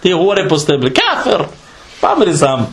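High-pitched man preaching in an echoey mosque. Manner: animated storytelling with rhetorical questions; mixes in Arabic religious terms. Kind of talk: humorous sermon.

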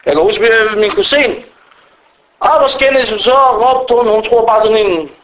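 A man's voice: high voice, poor audio. A male preacher giving a sermon, telling stories and acting out the people in them. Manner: animated storytelling that acts out quoted people.

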